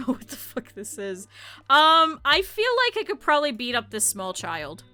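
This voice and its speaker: A woman's voice: high-pitched, pushed and bright, no echo. An American woman streaming in casual chat, swearing freely and laughing often. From United States.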